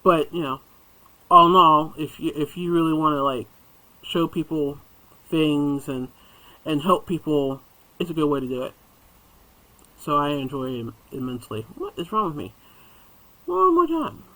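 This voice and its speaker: A man's voice: a little high, normal speed, bright, forceful tone, poor audio. A man chatting casually while he crochets and reviews hooks on camera, rambling and muttering asides to himself.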